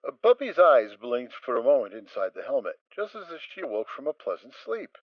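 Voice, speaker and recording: A man with a mid-range voice reads a fan audio drama briskly, bringing expressive storytelling to the narration. There's no echo, and the audio sounds dry and slightly dull.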